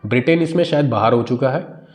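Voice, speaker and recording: A man teaching English from a newspaper, reading each English phrase slowly with an Indian accent and then explaining it word by word in Hindi. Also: mid-range voice.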